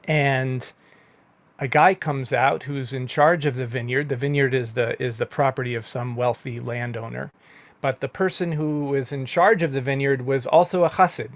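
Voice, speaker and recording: A man's voice: medium pitch, normal speed, dry recording. A man, a rabbi and meditation teacher, telling a teaching story in a conversational way, with asides and fillers. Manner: lively when voicing the story's characters.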